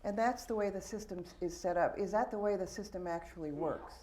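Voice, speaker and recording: A woman's voice: medium pitch, a little fast, mellow. A woman moderating a panel discussion, asking long probing questions and calling on the audience. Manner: probing, wordy questions, self-deprecating.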